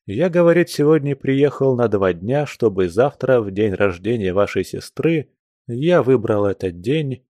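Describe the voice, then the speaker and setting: A man reading an audiobook, voicing a weary, heartsick young man who talks slowly and reluctantly, with sighs. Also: mid-range voice, expressive, mellow, no echo, clean studio sound, natural voice. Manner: slow, sighing, reluctant.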